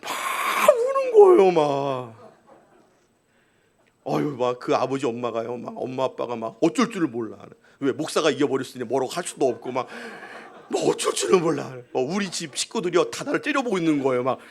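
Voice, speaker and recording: A man's voice: mid-range voice, fairly quick. A male pastor preaching a live Sunday sermon. He tells a story, acts out quotes and keeps asking the congregation rhetorical questions. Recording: live church service.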